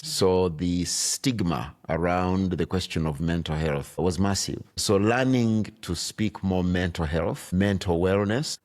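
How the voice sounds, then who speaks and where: A man from Uganda, a bishop speaking as a podcast guest in a reflective, deliberate way, often pausing to search for words. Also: low voice, a little mellow. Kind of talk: reflective conversation.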